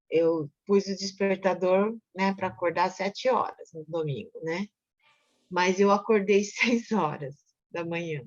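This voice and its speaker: A woman's voice: medium pitch, darkish tone. A woman with a Brazilian accent in a Bible study, chatting and telling a personal story, often asking "right?". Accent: Brazilian Portuguese. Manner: chatty, tag questions, repeats words. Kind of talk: casual discussion and personal storytelling. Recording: muffled lo-fi recording.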